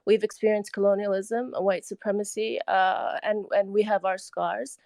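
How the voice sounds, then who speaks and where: A woman's voice: medium pitch, flat delivery, moderate pace, vocal fry, darkish tone, no room sound. A woman from Sudan calling in to a talk show, speaking earnestly and hesitantly, with many fillers. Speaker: caller. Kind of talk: call-in talk.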